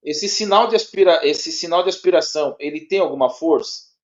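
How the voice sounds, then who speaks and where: Brazilian male tutor, slightly high pitch, stop-start and repetitive delivery, muffled lo-fi audio. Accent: Brazilian Portuguese. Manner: halting, repeats words, checks in often with tags. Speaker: teacher. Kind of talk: one-on-one spoken lesson. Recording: dull lo-fi sound.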